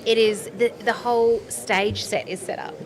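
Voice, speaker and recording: A woman's voice: on the high side, fairly even intonation, normal speed. A woman, speaking as a conference organizer. She talks with enthusiasm and energy. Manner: enthusiastic, upbeat. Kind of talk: casual conference chat. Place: conference venue. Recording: crowd chatter at a conference. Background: crowd chatter.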